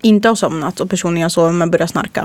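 A woman's voice: lowish voice, a little mellow, no echo. A young woman from Norrland with a northern Swedish accent, co-hosting a student radio show in a laid-back way and trailing off into laughs. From Norrland, Sweden. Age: young adult. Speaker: radio co-host. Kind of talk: casual studio chat. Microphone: studio microphone.

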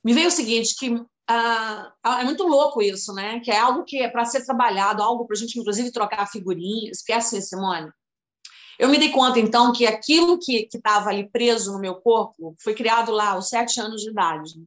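A woman in her fifties with a slightly high voice, telling a personal story in a loose, emotional, rambling way. She keeps turning to her listener by name as she talks. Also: brisk, reverberant. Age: 50s. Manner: emotional, rambling, addresses the other by name often. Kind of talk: casual conversation about healing and spirituality.

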